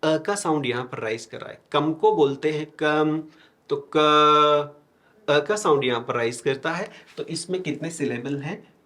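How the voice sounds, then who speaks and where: A man's voice: a little high, normal speed. A male teacher giving a classroom lecture with an Indian English accent. He explains step by step, keeps asking his students questions and answering them himself, and writes on a board as he talks. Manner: writes on a board while talking.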